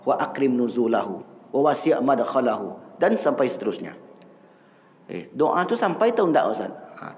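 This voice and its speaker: A man's voice: a little high, darkish tone. A man preaching a sermon, acting out dialogues with his congregation and chanting Arabic prayers. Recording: dull lo-fi sound.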